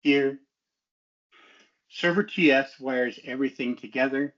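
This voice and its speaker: A student developer gives a methodical, semi-scripted technical walkthrough, explaining each step. His medium-pitched voice is a bit bright and measured in pace, though the audio sounds dull.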